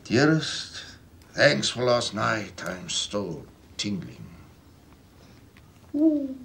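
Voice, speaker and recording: A man's voice: mid-range voice, sing-song, moderate pace, a little hiss or hum. An actor playing a smug, menacing male police interrogator who speaks in a coolly bureaucratic, mocking way. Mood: menacing mockery.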